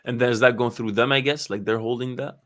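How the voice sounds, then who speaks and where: A man's voice: mid-range voice, fairly even intonation, quick pace, fairly bright tone, dry recording. A young man hosting a casual crypto chat, teasing his guest and tagging sentences with "man". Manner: teasing, says "man" and "to be honest" a lot. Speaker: crypto podcast host.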